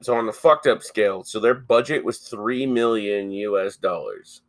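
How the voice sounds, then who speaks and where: A man's voice: lowish voice, lively intonation, moderate pace. A man co-hosting a horror movie podcast, chatting casually, swearing freely and reeling off trivia with enthusiasm. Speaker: podcast co-host. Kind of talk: casual chat.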